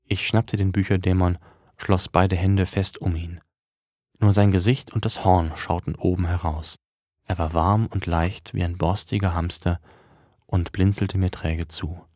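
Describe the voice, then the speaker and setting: A man's voice: low-pitched, steady tone, unhurried, a little mellow, no echo. A man reading a first-person story aloud in a dry, wry tone. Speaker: audiobook narrator.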